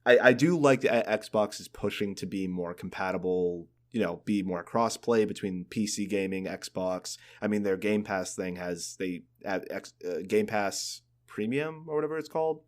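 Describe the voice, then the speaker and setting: Young male co-host with a low, deep voice, rambling and casual. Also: moderate pace, few pauses. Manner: rambling, many fillers. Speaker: podcast co-host. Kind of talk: casual gaming podcast chat.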